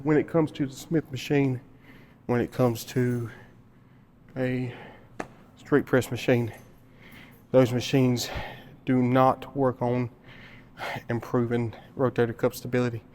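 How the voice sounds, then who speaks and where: A man talks through his shoulder workout in a gym, slightly winded from a cold. He repeats himself to drive points home, in an ordinary mid-pitched voice picked up by the camera mic. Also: level tone, measured pace, pauses often, a little mellow, a little hiss or hum. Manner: explains with repetition, grunting effort between sets. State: out of breath. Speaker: fitness vlogger. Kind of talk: casual gym explanation.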